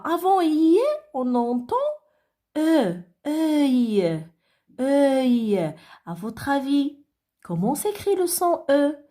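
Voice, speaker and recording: A woman teaches children a phonics lesson at a very slow, careful pace, stretching out each word and sound. Her voice sits a little high and swings widely in pitch, with coaxing questions that keep checking the children follow. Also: warm tone. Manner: slow, drawn-out word and letter pronunciation; coaxing, frequent checks like "d'accord?".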